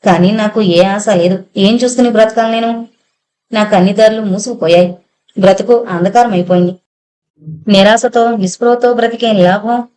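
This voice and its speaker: A woman's voice: mid-range voice, fairly even intonation, normal speed, a little mellow, close to an everyday voice. A woman voicing a frightened young woman who speaks with despair. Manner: hopeless, pleading.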